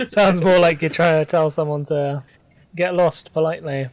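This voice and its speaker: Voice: mid-range voice, darkish tone, no echo. A podcast co-host making dry quips in casual chat. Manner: dry, quippy.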